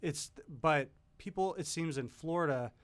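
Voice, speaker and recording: A man's voice: a little high, unhurried. A man from the Pacific Northwest, a podcast host, talking casually in a rambling, hesitant way. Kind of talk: casual chat.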